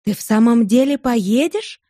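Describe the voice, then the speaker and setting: A woman's voice: a little high, expressive, normal speed, warm tone, no room sound, studio quality, lightly acted. A woman voicing a capricious, pleading young wife. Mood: reproachful. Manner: pleading, reproachful, playful turning angry. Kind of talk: audiobook character voice.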